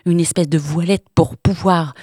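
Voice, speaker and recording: A woman voicing a coarse, jealous young woman who shouts with harsh, sneering contempt in an audiobook reading. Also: on the low side, steady tone, moderate pace, slightly rough, no echo, studio quality. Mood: mocking.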